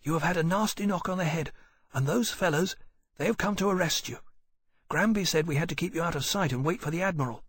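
A man voicing an anxious young officer, pleading in hushed, urgent tones in a storybook reading. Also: sits high, animated, fast, hardly any pauses, dry recording, studio quality, voice pushed up. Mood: urgent whisper.

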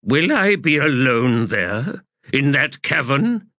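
A broken, guilt-ridden blind old man, voiced by a male audiobook reader, pleads in a raised, strained voice. His words are slow, with a gravelly texture. The sound is close and dry. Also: fairly high pitch, wildly swooping pitch, pushed and bright, no room sound, voice pushed up, full character voice. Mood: fearful. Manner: pleading, anguished.

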